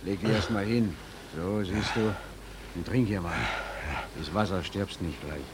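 A man acting in a German radio play as a steady, plain-spoken shipmate, calming and colloquial. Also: medium pitch, fast, background noise, lightly acted. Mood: soothing. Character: steady, soothing, plain-spoken ship's stoker comrade.

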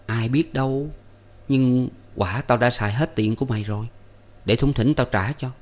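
A man's voice: mid-range voice, normal speed, pitched above the performer's own voice, lightly acted. A man voicing a weary, scruffy young male student who speaks glumly, shrugging things off. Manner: glum, shrugging.

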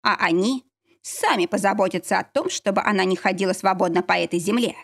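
A woman's voice: medium pitch, fairly quick, creaky. A woman reading the lines of a stern old male werewolf pack leader in an audiobook, formal and commanding.

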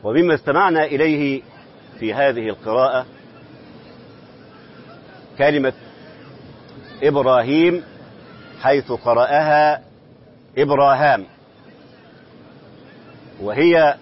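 A man teaching Quran recitation, explaining reading variants in a slow, measured scholarly way. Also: mid-range voice, muffled recording, a little hiss or hum.

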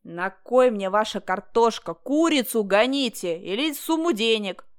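A woman's voice: fairly high pitch, lively intonation, unhurried, clear, resonant tone. A woman voicing an irritable man who grumbles and complains with contempt, in a storybook reading. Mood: grumbling. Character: irritable grumbling man, owner of stolen chicken.

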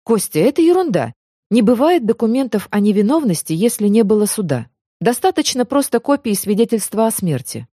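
A woman's voice: fairly high pitch, sing-song, warm tone, no room sound, clean studio sound. A woman reading the part of a brash, blunt veteran journalist woman in an audiobook. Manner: brisk, blunt.

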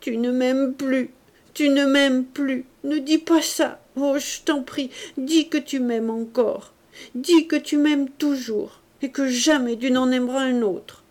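A woman reading an audiobook voices a frantic, desperate young man, shouting and pleading. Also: sits high, fairly even intonation, takes it slowly, voice pushed up.

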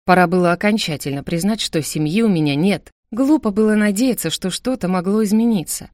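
A woman narrating a first-person audiobook story in a steady, reflective way into a close studio mic. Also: mid-range voice, fairly quick, no echo.

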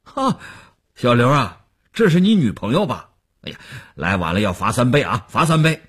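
A man voicing a boisterous male dinner guest who teases loudly. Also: mid-range voice, sing-song, normal speed, breathy edge, voice pushed up. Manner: loud, teasing.

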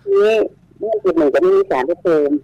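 A woman in her forties calling in by phone to tell a ghost story, talking quickly and animatedly. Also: sits high, very animated, vocal fry, no room sound, lo-fi sound. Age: 40s. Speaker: caller. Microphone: telephone.

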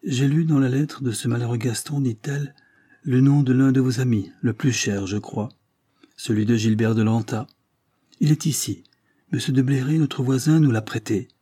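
A man reading an audiobook and voicing a stern, grieving aristocratic mother, with formal, measured speech. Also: mellow, slightly rough, close to an everyday voice. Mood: gracious. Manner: formal, measured, voice raised higher for her.

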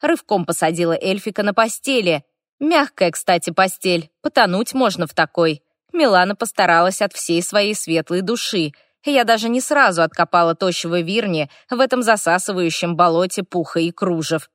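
A woman narrating a first-person fantasy audiobook in a wry, lively, expressive way. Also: fairly low pitch, moderate pace, no echo, clean studio sound.

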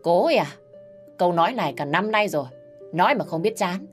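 A woman's voice: on the low side, expressive, moderate pace, soft background music, natural voice. A woman voicing a nagging, bitter middle-aged mother-in-law who scolds and accuses. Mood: scolding.

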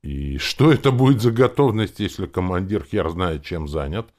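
A man's voice: deep voice, lively intonation, normal speed, darkish tone, pitched above the performer's own voice. A man voicing a cheeky, laid-back male army captain in an audiobook. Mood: teasing. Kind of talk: audiobook character voice.

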